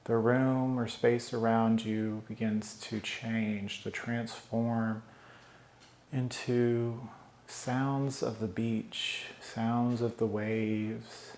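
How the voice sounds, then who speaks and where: A man leading a guided meditation, giving calm, soothing breathing instructions with long pauses. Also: mid-range voice, a little hiss or hum. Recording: roomy echo.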